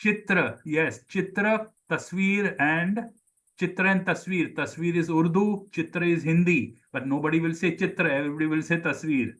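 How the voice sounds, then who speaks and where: Leading an online language lesson, a Hindi teacher repeats words for his pupils and explains them as he goes. He has an Indian accent, grew up speaking Sindhi, and talks at normal speed in a somewhat high, slightly bright voice.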